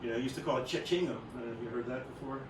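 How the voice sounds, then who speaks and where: A man's voice: medium pitch, rapid-fire, noisy background. A middle-aged man of Greek heritage doing stand-up at a private party, rambling, self-deprecating and teasing the crowd. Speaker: comedian. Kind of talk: stand-up comedy. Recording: roomy distant party recording.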